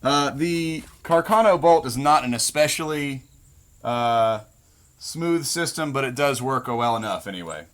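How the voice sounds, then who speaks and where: A man's voice: mid-range voice, lively intonation, measured pace. A man hosting a casual demonstration video at an outdoor shooting range, joking in a laid-back way with frequent ums. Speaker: video host.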